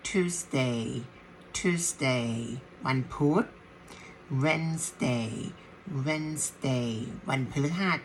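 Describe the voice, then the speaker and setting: A woman teaching a beginners' language lesson, patient and motherly, who drills each word by repeating it slowly. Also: low voice, a little hiss or hum. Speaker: English teacher.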